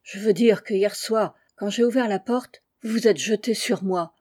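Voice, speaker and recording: A woman's voice: mid-range voice, moderate pace, a little mellow, close to an everyday voice. A woman voicing a battered male friend in a storybook reading, speaking with difficulty through swollen lips. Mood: grave. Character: alarmed middle-aged male friend, bruised.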